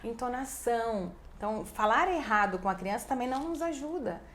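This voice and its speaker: A Brazilian woman, a speech therapist, talks in a somewhat high voice. She explains in a lively, conversational way and drops in quick tag questions. Her delivery stays chatty and expressive throughout. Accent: Brazilian Portuguese. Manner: lively, acts out parents' voices, frequent "né".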